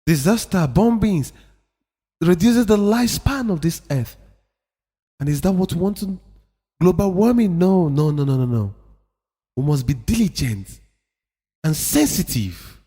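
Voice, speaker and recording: A man with a high voice gives a motivational talk, his pitch swinging widely as he presses his points. He talks in an emphatic, preachy way and repeats phrases for effect. A long reverb hangs on the sound, as in a hall. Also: lively intonation, measured pace, long pauses, warm tone, slightly rough. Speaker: motivational speaker.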